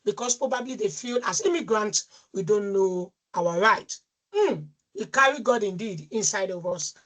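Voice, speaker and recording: A woman's voice: mid-range voice, animated, moderate pace, a bit bright. A woman hosting an online talk over a video call, affirming speakers and steering to the next question. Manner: affirming, directive, moves the session along. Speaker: host and facilitator.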